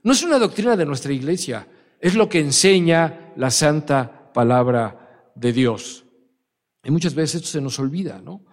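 Emphatic male preacher, higher-pitched voice, questioning the congregation; recorded in an echoing church hall. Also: lively intonation, moderate pace. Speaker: pastor. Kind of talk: sermon.

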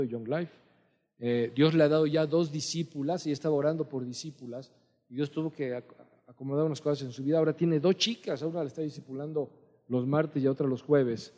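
A man's voice: medium pitch, dark tone. A middle-aged man preaching a sermon as pastor, earnest and emphatic, repeating key lines for weight. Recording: long hall reverb.

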